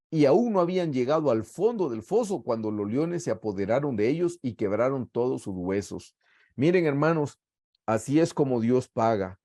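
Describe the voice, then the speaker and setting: A middle-aged man with a Guatemalan accent leads a Bible study as a sermon over a video call. His voice is warm and mellow. He reads scripture passages and then explains them earnestly to the congregation. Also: medium pitch. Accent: Guatemalan Spanish. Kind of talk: sermon-style Bible teaching.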